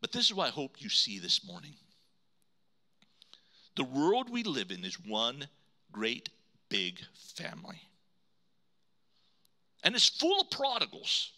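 Animated, bright-voiced male preacher. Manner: dramatic, swings from loud emphasis to hushed low delivery. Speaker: pastor. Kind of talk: sermon.

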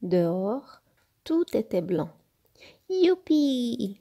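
A woman reading a children's story aloud in a slow, careful, clear narration. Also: mid-range voice, expressive, warm tone.

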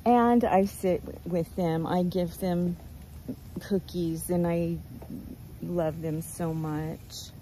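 An older woman chatting casually outdoors on her farm, talking gently and rambling as she loses her train of thought. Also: on the low side, fairly even intonation, slow, slight background noise, poor audio. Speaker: goat rancher. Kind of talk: casual farm vlog chat.

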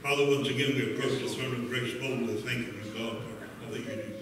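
A man's voice: mid-range voice, fairly even intonation, a little fast, crowd noise. A man leading a church service, exhorting fervently with frequent hallelujahs and then praying. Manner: fervent, exclamatory, punctuated with hallelujahs. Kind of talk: spontaneous church exhortation and prayer. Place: church sanctuary. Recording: echoey hall, distant mic, congregation. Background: congregation calling out responses.

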